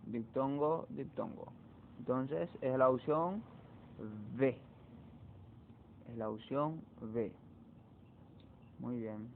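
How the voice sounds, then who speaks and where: A man teacher, walking students through exam answers slowly, repeating key words to drive them home. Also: mid-range voice, slight background noise. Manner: slow, repetitive explaining, repeats key words. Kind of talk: exam walkthrough lesson. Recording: tinny phone-like audio.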